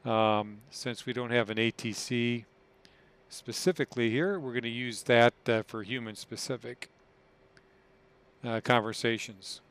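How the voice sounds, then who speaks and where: A man's voice: mid-range voice, fairly even intonation, a little slow, fairly bright tone, clear, resonant tone. A man giving casual, informal live commentary as a flight simulator leader, thinking aloud as he goes.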